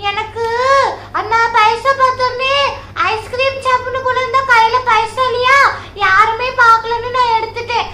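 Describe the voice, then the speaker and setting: Chinki, a squeaky cheeky little girl voiced for a kids' skit. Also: flat delivery, normal speed, sharp tone, exaggerated voice. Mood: remorseful. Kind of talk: Sunday school skit for children. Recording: echoey room with faint noise.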